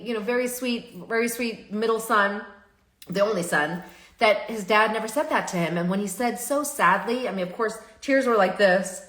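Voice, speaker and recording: Middle-aged woman, family therapist, live-stream chat, slightly low voice, keeps asking viewers "right?", roomy echo. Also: fairly bright tone. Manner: chatty, asks the audience "right?" often. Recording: echoey room.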